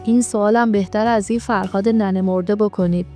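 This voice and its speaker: A cheeky young man who jokes his way through everything , read by a woman in her own mid-pitched voice. His banter is teasing and playful, with faint music in the background. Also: fairly even intonation, dark tone, close to an everyday voice.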